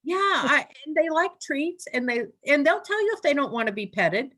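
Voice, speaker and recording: A woman's voice: high voice, big pitch swings, moderate pace, sharp tone. An older woman, a guest animal communicator chatting in an interview, telling stories and laughing often. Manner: chatty storyteller, laughs often, plays out her animals' thoughts. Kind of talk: casual interview chat.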